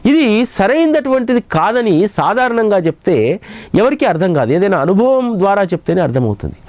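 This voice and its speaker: High-voiced man telling devotional stories. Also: very animated, normal speed, a little mellow, no room sound. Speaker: spiritual speaker. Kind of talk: devotional storytelling talk.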